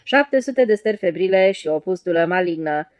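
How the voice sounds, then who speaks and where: A woman's voice: on the low side, expressive, no room sound, close to an everyday voice. Woman reading a brash cursing ship's officer. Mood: exclaiming. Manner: loud exclamations, colourful oaths.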